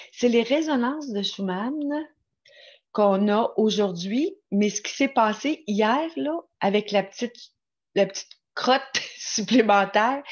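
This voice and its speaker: A woman with a Quebec French accent talking casually to her viewers about spirituality, excited and rambling with many restarts. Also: fairly high pitch, lo-fi sound. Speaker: spiritual vlogger.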